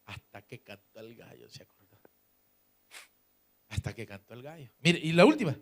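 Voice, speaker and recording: A male pastor, preaching a dramatic sermon that swings from loud exclamations to hushed asides. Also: medium pitch, very animated, normal speed.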